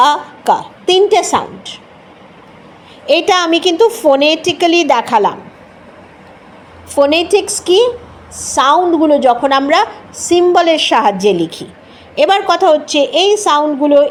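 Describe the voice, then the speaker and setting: A woman with a Bengali accent teaching an English word, patiently repeating each sound and mixing English into her Bengali. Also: sits high. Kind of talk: explanatory lesson.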